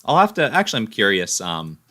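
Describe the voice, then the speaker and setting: A man's voice: fairly low pitch, huge pitch swings, quick pace, pushed and bright. A man hosting a live stock-market stream, chatting casually and reading out viewer comments, thinking aloud as he goes. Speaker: stock livestream host.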